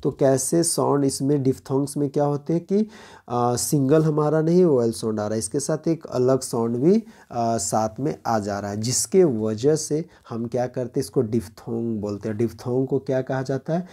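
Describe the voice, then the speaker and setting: Indian guy teaching an exam prep class, really mellow dark voice, goes slow and keeps asking clear?. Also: mid-range voice. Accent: Indian English. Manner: explains slowly, reads English lines aloud slowly, checks in with "clear?".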